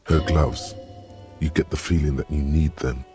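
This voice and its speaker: An actor voicing the narrator of a video game, speaking in a measured, ominous way. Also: male voice, extremely low pitch, steady tone, mellow, faint music behind. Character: deep-voiced male game narrator, solemn.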